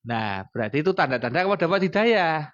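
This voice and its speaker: A man's voice: on the high side, fairly quick. A male preacher with a Javanese accent giving a casual religious talk, telling stories with animation and acting out pleading prayers. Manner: animated storytelling, acts out pleading prayers and quotes. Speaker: Islamic preacher. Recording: dull lo-fi recording.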